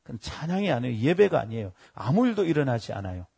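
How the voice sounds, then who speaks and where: A man's voice: mid-range voice, fast talker, creaky, breathy edge. A middle-aged male pastor, preaching a sermon and telling stories, acting out the people he quotes. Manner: lively storytelling, acting out quoted voices.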